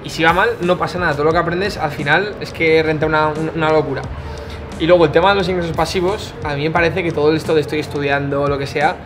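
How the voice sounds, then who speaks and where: A man in his twenties from Spain, chatting casually in a relaxed, slangy way while showing off a half-renovated apartment. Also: a little high, fast, roomy sound, music in the background. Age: 20s. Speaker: guest. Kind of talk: casual house tour chat.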